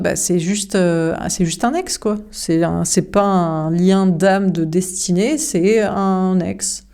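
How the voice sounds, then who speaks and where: A woman's voice: mid-range voice, a little mellow. A young woman giving a casual tarot reading, frank and chatty, with many fillers. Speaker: tarot card reader.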